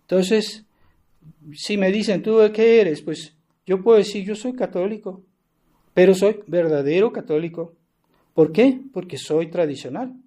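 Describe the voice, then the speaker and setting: Preaching a little slowly in a high, mellow voice, a priest from Mexico speaks with earnest insistence. Rhetorical "¿verdad?" questions and restarts come up often.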